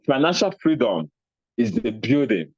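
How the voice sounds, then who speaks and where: A man with a Nigerian accent giving a motivational talk, animated, acting out little scenes in a raised voice. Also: medium pitch, a little slow, husky, no echo, highs cut off. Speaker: speaker on personal finance.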